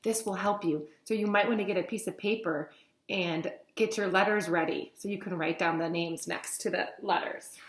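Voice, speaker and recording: Her pitch is fairly low and her intonation fairly even at a normal speed as this woman in her thirties reads aloud to young children as a teacher. She explains simply, asks her listeners questions often, and stresses letter names and key words in the read-along lesson. The sound is echoey and roomy from a webcam in a small indoor room with plain walls.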